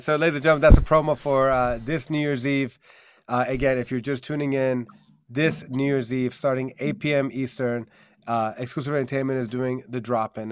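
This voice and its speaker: Clean studio audio without any room sound carries a clear, resonant, medium-pitched male voice. He's German-born and American-raised, chatting earnestly and cheerfully on a promotional live stream via video call, filling his speech with lots of fillers.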